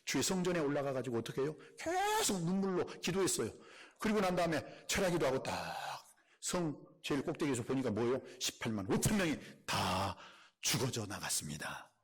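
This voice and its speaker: A middle-aged man preaching a sermon as pastor, asking the congregation questions and sometimes dropping to a hushed whisper for emphasis. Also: medium pitch, wildly swooping pitch, brisk, slightly rough. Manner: preaching with call-and-response questions and dramatic quoted asides.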